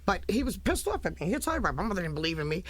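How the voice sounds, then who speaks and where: A middle-aged woman, a guest on a radio show, telling a story in a blunt, animated way, laughing often and swearing freely. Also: on the low side, very fast. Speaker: guest, music manager. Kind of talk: casual radio interview storytelling. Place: radio studio.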